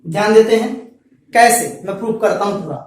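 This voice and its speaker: A man's voice: sits high, a little fast. A male English teacher giving a grammar lecture to students, repeating each point and addressing them directly. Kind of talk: Hindi-language grammar lecture. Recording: very echoey room, far from the mic.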